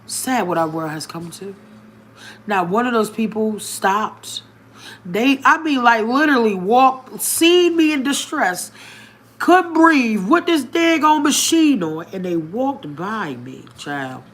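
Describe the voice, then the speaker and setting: A woman telling a personal story straight to her viewers, outspoken and straightforward, with a colloquial, emphatic delivery that jumps up in pitch and loudness. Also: animated, slow pace.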